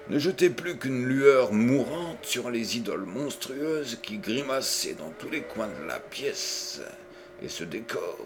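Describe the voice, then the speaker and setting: A man reading a novel aloud as an audiobook, with a measured, dramatic delivery. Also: mid-range voice, background noise. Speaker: audiobook reader. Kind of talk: scripted narration.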